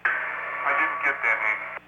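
An astronaut giving brisk, dry, clipped reports, heard over a space-to-ground radio downlink from orbit. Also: male voice, medium pitch, muffled recording. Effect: space-to-ground radio transmission from orbit. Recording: radio downlink buried in loud static.

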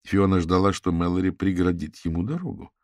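A man narrating a humorous detective audiobook in a steady, wry storytelling manner. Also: low voice, fairly quick, dry recording, clean studio sound.

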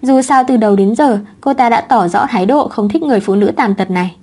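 Audiobook narrator, woman, fairly high voice, steady reading. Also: brisk, husky. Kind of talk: scripted story narration.

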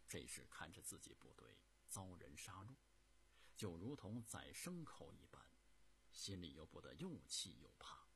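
Deep gravelly man telling a dramatic tale. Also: slight background noise. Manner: theatrical, swings from loud bursts to hushed whispers. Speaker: storyteller. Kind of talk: dramatic historical storytelling.

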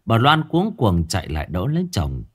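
A man narrating an audio story in an expressive storytelling manner. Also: lowish voice, normal speed, husky.

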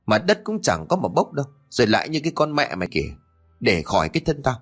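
A man voicing a harsh, nagging old grandmother who scolds rapidly, in an audio story. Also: medium pitch, very animated, faint music behind. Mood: scolding.

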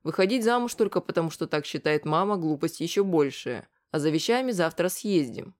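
A woman narrator plays a composed young man who speaks calmly and firmly, with a gentle teasing tone. The reading stays in her own lowish voice, as in a storybook. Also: fairly quick, close to an everyday voice. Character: calm, kind young man, steady and firm.

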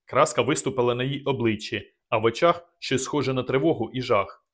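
A man narrating a novel as an audiobook in the first person. His delivery is calm and measured, with a mid-range pitch.

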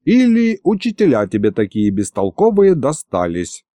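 A man's voice: medium pitch, wildly swooping pitch, normal speed, dark tone, dry recording. A man voicing an old grandfather mentor who talks in folksy rustic speech. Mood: folksy scolding.

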